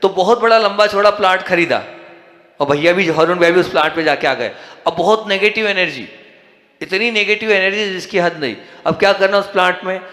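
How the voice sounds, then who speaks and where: A man's voice: high-pitched, brisk, sharp tone. A man from central India giving a conversational sermon, asking the audience questions and answering them himself. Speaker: Jain monk giving a discourse. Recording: echoey hall.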